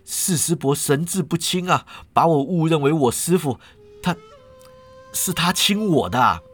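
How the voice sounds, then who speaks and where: A man's voice: fairly high pitch, animated, unhurried, faint music behind. A man voicing an earnest young martial-artist healer who protests his innocence, pleading and flustered. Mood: defensive.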